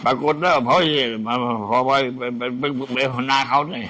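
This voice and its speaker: A man's voice: mid-range voice, moderate pace, slight background noise. An older man, a senior monk, telling stories casually in a rambling old man's way, often repeating his words. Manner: animated. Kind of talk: casual storytelling.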